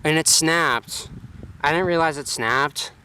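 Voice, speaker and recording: Filming himself on a handheld camera in his home garden, a man rambles through a casual outdoor vlog packed with fillers. His voice sits on the high side and he speaks slowly, with a lot of noise in the recording.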